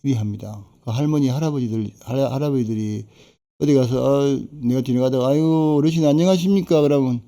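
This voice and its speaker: Chatty guy, middle-aged, super dark warm voice, folksy livestream talk. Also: medium pitch, brisk, vocal fry. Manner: chatty, folksy, laughs between points. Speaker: fishing boat broker and fishing-village consultant. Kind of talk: casual live-stream talk.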